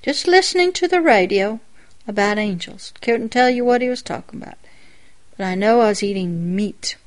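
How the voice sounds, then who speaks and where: A woman pastor giving a sermon-style personal testimony, telling the story in a reflective way with quiet asides. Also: mid-range voice, animated, normal speed.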